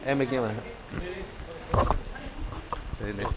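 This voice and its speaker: A man's voice: mid-range voice, slow pace. A man teaching a live sales training session, talking casually and putting questions to the audience. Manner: casual, animated, quizzes the audience. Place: training room. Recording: tinny lo-fi sound with faint hiss.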